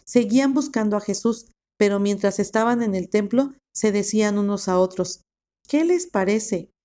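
A woman giving a steady, measured reading of a Bible passage. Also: medium pitch, dull audio. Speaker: scripture reader.

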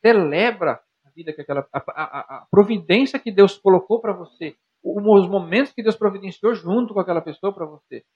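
Brazilian male psychologist, husky, rapid, animated explainer, lo-fi sound. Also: high-pitched. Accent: Brazilian Portuguese. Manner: animated, talks to the listener directly with rhetorical questions. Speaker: psychologist guest. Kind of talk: conversational explaining with examples. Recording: dull lo-fi sound.

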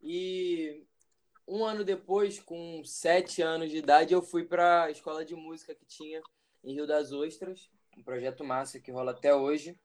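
Young brazilian guy, musician, talks easy and loose, kinda higher voice. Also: a little slow. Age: 20s. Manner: relaxed, reflective, rambling with fillers. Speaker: musician guest. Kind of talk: casual interview.

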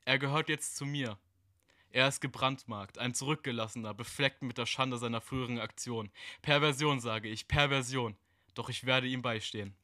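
A man, a podcast co-host, slowly and solemnly reading a dark story aloud. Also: medium pitch, steady tone, no echo, clean studio sound. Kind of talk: dramatic story reading, then casual chat.

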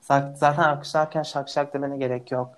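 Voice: mid-range voice, flat delivery, fairly quick, background noise. A young adult co-hosting a casual chat, talkative and self-mocking, laughing often. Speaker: podcast co-host.

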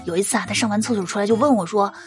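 A woman's voice: medium pitch, very fast. A woman in her thirties, a mother, telling humorous family anecdotes and often laughing between jokes, with faint music behind. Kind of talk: humorous storytelling monologue.

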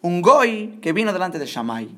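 High-voiced man telling a Talmud story. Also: normal speed. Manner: lively, animated retelling with checks like "¿ok?". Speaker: religious teacher.

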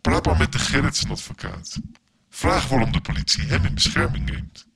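A man's voice: mid-range voice, big pitch swings, moderate pace, a bit bright. A man voicing an anonymous threatening caller on a voicemail, his voice distorted and glitchy through a voice-changer, warning in a terse, ominous way. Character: anonymous threatening male caller, cold and secretive. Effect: distorted, glitchy voice-changer on a phone voicemail. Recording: distant voicemail playback with faint noise.

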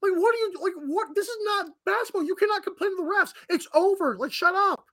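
A woman's voice: very high voice, fast, fairly bright tone. A woman co-hosting a sports talk show, blunt and frank, who also reads the sponsor spots.

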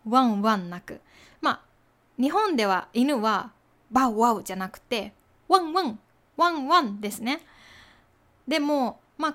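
Slow, patient woman teaching Japanese. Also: a little high, a bit bright. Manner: slow, patient explaining with example sentences. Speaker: podcast host teaching Japanese. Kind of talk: Japanese lesson podcast.

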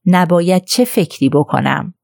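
A woman voicing a cold, guarded young gentlewoman who speaks in a cool, clipped way. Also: fairly low pitch, big pitch swings, no room sound, studio quality.

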